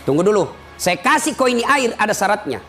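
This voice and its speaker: A man voicing a sly male devil who coaxes a dying person, speaking low and hushed. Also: very animated, fairly quick, faint music behind, heavily acted. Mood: coaxing.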